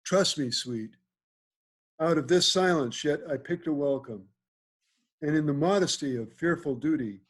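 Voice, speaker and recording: At an amateur table read over video call, a man reads Shakespearean verse as a lordly, genial ruler of Athens who is also a bridegroom. His voice sits on the high side and is slightly rough.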